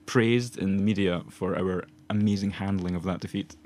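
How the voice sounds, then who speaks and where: A podcast co-host from Glasgow, Scotland, in his twenties, rambles and laughs often during a relaxed chat. His low-pitched, darkish voice keeps a steady tone at a normal pace.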